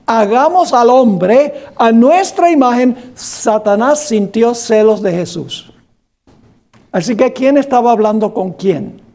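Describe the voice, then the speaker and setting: Slow, deliberate male preacher. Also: high-pitched, warm tone. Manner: slow and deliberate, quizzing the congregation; reads scripture aloud with emphasis. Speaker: pastor. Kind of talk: Bible study sermon.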